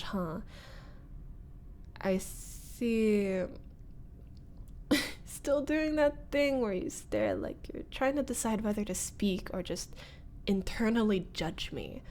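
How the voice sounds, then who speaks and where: In an intimate ASMR roleplay, a woman plays a teasing young former school bully who is now a nervous roommate. Her medium-pitched delivery is halting and breathy, slipping into whispers, with a nervous, wry mood.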